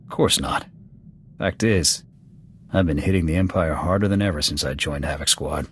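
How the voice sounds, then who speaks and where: A deep, gruff American male voice plays a Cathar, a proud alien military officer and blunt veteran sniper who serves as second to his commander in a video game. He speaks at a moderate pace in a clipped, blunt military manner, matter-of-fact and resolute. There's a little hiss or hum, and music runs under the dialogue.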